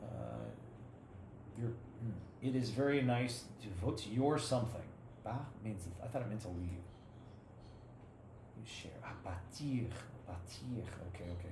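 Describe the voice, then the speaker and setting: A man reading aloud as practice, hesitant and halting, stopping often to correct himself. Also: fairly low pitch. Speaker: language learner reading aloud. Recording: roomy room with faint background noise.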